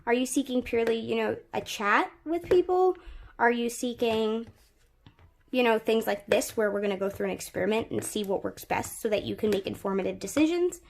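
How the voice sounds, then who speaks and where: A woman with a slightly high voice talks through a craft tutorial while her hands stay busy. She chats loosely, thinking aloud, with plenty of fillers and restarts. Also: brisk, a little hiss or hum. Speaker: craft channel host. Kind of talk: casual craft tutorial talk.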